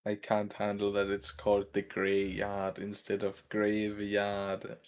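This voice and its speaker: A man's voice: lowish voice, completely flat delivery, a little slow, darkish tone, clear, resonant tone. A man playing in a tabletop game, bantering stubbornly and argumentatively, laughing now and then. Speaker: player.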